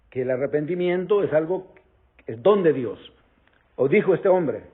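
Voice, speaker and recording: An emphatic pastor preaches straight at his listeners. His pitch sits a little high and swings widely from phrase to phrase. The sound is thin and tinny, like a phone line. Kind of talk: sermon.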